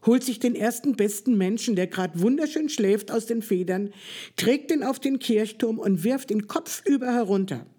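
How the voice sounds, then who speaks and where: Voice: medium pitch, a little mellow, slightly rough. A reader voicing a kindly, playful king of dreams in a storybook reading. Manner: friendly, teasing storyteller.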